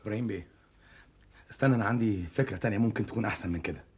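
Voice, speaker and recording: An actor playing a cheeky Egyptian young thief. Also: male voice, on the low side, rapid-fire, slight background noise, natural voice. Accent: Egyptian Arabic. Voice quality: cheeky, teasing. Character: cocky young male thief, cheeky and haggling. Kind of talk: classic Egyptian stage comedy acting.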